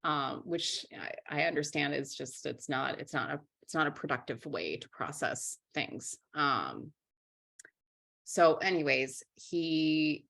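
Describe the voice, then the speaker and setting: Low-voiced Midwestern woman, candid. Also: lively intonation, takes it slowly, vocal fry, fairly bright tone. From Minnesota. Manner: frank and candid, restarts sentences, many fillers. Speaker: interview guest, writer and journalist. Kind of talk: candid conversational interview.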